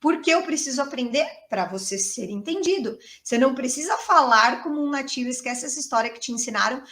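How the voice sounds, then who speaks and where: High-voiced chatty woman teacher. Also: expressive, fast, a bit bright. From Brazil. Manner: chatty, emphatic, repeats key words. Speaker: English teacher. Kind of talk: casual video lesson.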